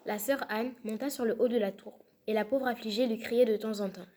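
A woman narrates an old fairy tale aloud, telling it in an even, expressive way. Her voice is somewhat high, in a plain reading voice. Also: a little fast.

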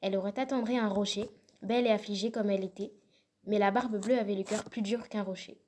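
A woman reading a classic fairy tale aloud in a measured, expressive storytelling manner. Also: medium pitch. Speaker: narrator.

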